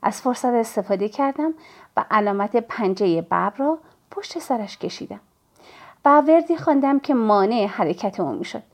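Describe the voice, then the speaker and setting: A woman's voice: fairly high pitch, lively intonation. Woman reading an audiobook. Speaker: audiobook narrator. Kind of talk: scripted first-person narration.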